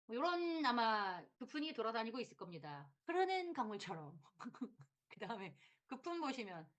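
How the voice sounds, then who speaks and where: A woman teacher giving a lively lecture to parents, often acting out what parents and teachers say in quick little voices. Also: fairly high pitch. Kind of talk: lively lecture with acted-out quotes.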